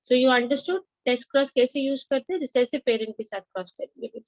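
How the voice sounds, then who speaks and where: A woman with an Indian accent teaches biology in a high-pitched, racing voice, mixing English and Hindi and prompting her students with questions. The recording is dry, dull, and band-limited lo-fi.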